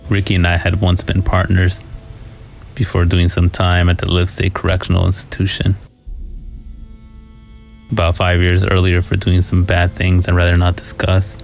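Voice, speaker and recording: Low, haunting man narrating horror. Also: monotone, moderate pace, creaky, long pauses. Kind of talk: scripted first-person scary story narration. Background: music.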